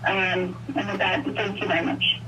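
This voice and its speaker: A woman's voice: mid-range voice, flat delivery, normal speed, far from the mic. A woman giving a polite, prepared public comment over a scratchy conference call line that keeps breaking up. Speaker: public commenter at a board meeting. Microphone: phone on a conference call.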